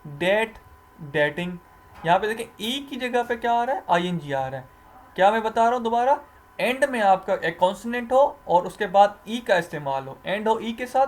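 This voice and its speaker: A man teaching English grammar, explaining slowly, repeating rules and answering his own questions. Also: high voice, a little hiss or hum. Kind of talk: recorded grammar lecture.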